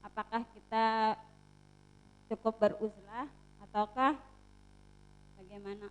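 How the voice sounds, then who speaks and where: A woman asks a preacher a question in polite, formal words. Her voice sits a little above the usual pitch for a woman. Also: fairly even intonation, slow pace, dull audio. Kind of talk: asking a question at a sermon.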